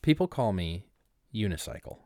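A man co-hosting a casual podcast, joking in a deadpan way with absurd bits. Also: low-pitched, normal speed, no echo, studio quality. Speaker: podcast co-host. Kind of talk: casual chat.

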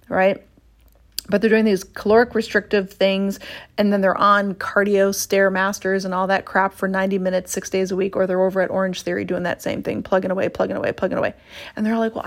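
A woman in her fifties talking straight to her audience about women's health and fitness, blunt and passionate, swearing casually and sighing in exasperation. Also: medium pitch. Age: 50s. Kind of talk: casual monologue to camera.

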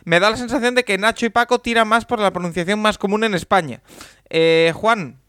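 A man's voice: high-pitched, fairly quick, no echo, clean studio sound. A man hosting a football podcast, introducing guests and reading listener questions in casual chat. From Spain. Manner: bright, clear, introduces and reads listener questions. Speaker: podcast host.

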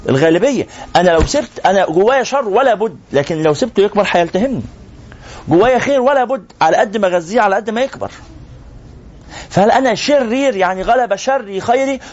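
Man, Egyptian accent, sheikh teaching a class, rhetorical questions, slightly high voice. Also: expressive, fast talker, a little mellow. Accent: Egyptian Arabic. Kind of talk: religious lesson to a live class. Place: room with a class. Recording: muffled lo-fi recording.

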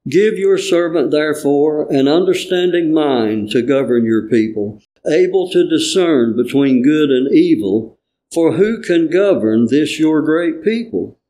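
A man reading scripture in church, formally, with measured and earnest phrasing. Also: a little high, lively intonation, warm tone, rough recording.

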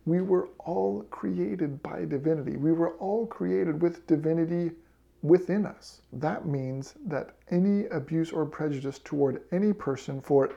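A man with a gravelly, slightly creaky voice teaches a scripture lesson in an earnest, reflective way. His tone is mellow and dark, and he pauses now and then to read passages aloud. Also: fairly high pitch, dull audio. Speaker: scripture study podcast host.

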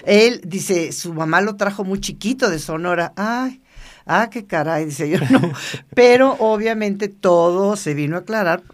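An older woman tells personal stories as an interview guest. She talks in a lively, chatty way, laughing often and acting out the voices of the people she quotes. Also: mid-range voice, unhurried. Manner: lively anecdotal storytelling, laughs often, acts out quoted dialogue. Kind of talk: casual storytelling interview.

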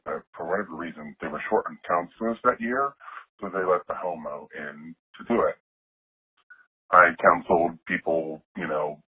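A man from the American South leaving a candid, wry voicemail with his voice disguised by a voice changer. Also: husky. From Southern United States. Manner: candid, wry confessional telling. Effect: deep voice changer disguising the voice. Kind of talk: casual phoned-in story. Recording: phone-like voicemail through a voice changer.

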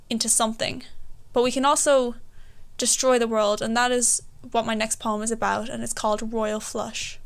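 A woman's voice: fairly high pitch, smooth. A nineteen-year-old woman with a west of Ireland accent, a poet reciting her work and talking about it. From Galway, Ireland. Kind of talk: poetry recitation and personal introduction.

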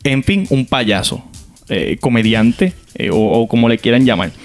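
A man with a Puerto Rican accent telling a comic story from his school days in a playful, animated way. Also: medium pitch, a little slow, soft background music. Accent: Puerto Rican Spanish. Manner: animated, playful, acts out characters.

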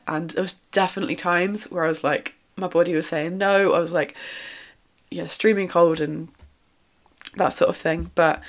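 A woman, chatting casually and upbeat as the host of her own solo podcast, with a lingering cough in her throat. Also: lowish voice. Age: 20s. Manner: chatty, upbeat, lots of fillers and little laughs.

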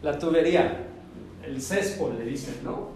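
High-voiced man speaking in a hall. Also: measured pace, darkish tone, slight background noise. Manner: playful, acts out little scenes, asks the audience questions. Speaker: speaker giving a talk on forgiveness. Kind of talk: lively conference talk. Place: large hall before an audience. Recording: echoey hall, voice from far off.

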